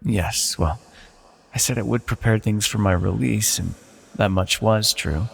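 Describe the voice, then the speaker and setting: A man voices an ancient, godlike villain in intimate ASMR fantasy roleplay, committing fully to the character. His low voice is gravelly, heavily creaking and breathy, hushed and deliberate as he tenderly, teasingly coaxes and manipulates the listener. The sound carries the space of a large hall.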